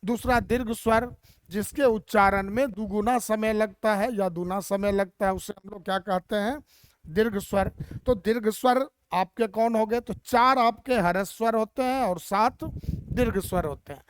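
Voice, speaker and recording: A woman's voice: mid-range voice, moderate pace, dry recording. Lady teacher explaining grammar, keeps asking "so what is it" type questions, dry close sound. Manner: explains step by step with rhetorical questions. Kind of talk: Hindi grammar lesson.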